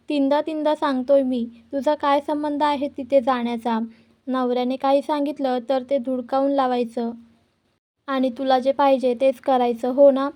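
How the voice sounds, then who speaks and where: A woman's voice: sits high, dark tone, lightly acted. A woman voicing an irritated young husband who scolds his wife. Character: angry young husband, stubborn and shouting.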